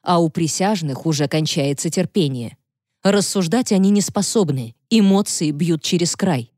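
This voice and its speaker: Woman reading a firm serious lawyer guy, low mellow voice, dry audiobook sound. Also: lively intonation, moderate pace, dry recording. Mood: grave. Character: male defense lawyer, grave, persuasive.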